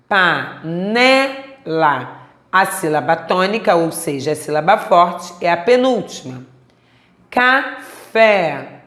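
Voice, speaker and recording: Brazilian woman, teacher; measured, drawn-out delivery, mid pitch, roomy echo. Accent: Brazilian Portuguese. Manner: slow, deliberate, stretching out words to teach syllables. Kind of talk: recorded remote class lesson. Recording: echoey room.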